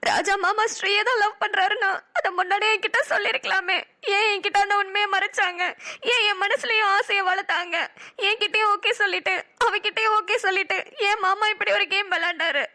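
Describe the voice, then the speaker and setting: A woman's voice: fairly even intonation, fairly quick. A woman voicing a heartbroken young woman in a cartoon drama, speaking in a pleading, sobbing way. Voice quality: high bright girlish voice. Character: heartbroken young woman Kanmani, tearful and hurt.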